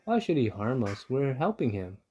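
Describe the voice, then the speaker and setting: A man voicing a kindly, trusting female mouse, the dentist's wife, gently reasoning in a storybook read-aloud. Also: medium pitch, sing-song, normal speed, husky. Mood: trusting, concerned.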